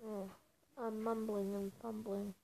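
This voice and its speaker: A woman giving casual commentary over a mobile game, chatty and prone to mumbling with excitable reactions. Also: mid-range voice, takes it slowly, vocal fry, slight background noise, rough recording. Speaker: gameplay video creator.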